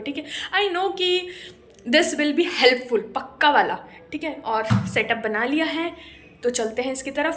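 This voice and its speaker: A young woman vlogs her day as a doctor, her voice a bit higher than most. She chats loosely into a phone camera, slipping in English phrases and checking in with her viewers as she goes. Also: a bit bright, a little hiss or hum. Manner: chatty, mixes English phrases into Hindi, often tags "theek hai". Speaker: doctor vlogger. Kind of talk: casual daily vlog. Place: home and on the go.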